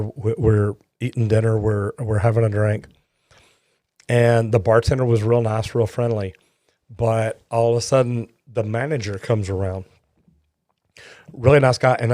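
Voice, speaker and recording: A man's voice: fairly low pitch, dry recording, clean studio sound. A man hosting a live plumbing Q&A, telling stories in a folksy way and often repeating words as he talks. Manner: folksy storytelling, repeats words when excited. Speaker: plumber and live show host. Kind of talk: casual live Q&A chat.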